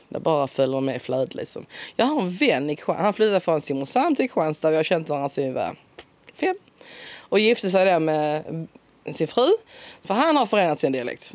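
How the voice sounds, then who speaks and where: A woman with a broad Scanian accent chatting in a relaxed interview, talkative and quick to laugh. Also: low voice, no room sound. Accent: broad Scanian Swedish. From Skåne, southern Sweden. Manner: chatty, laughs often, lively. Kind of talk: casual conversational interview.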